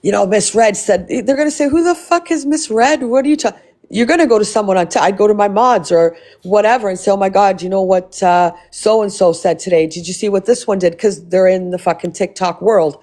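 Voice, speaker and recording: Woman, livestream host, angry rant, heavy swearing, repeats and restarts words, mid pitch. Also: fairly quick, hardly any pauses, darkish tone. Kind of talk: angry live-stream rant.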